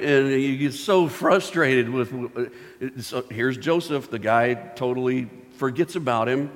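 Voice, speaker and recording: A man preaching a sermon, telling a Bible story in a casual, playful way with many filler words. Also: mid-range voice. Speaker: pastor. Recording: long hall reverb.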